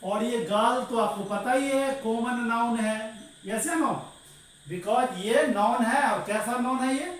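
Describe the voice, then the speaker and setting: A man's voice: very high-pitched, measured pace. A man teaching English grammar to a class. He asks questions and then answers them himself, and he keeps calling his listeners "dear". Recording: very echoey room, voice far from the mic, faint noise.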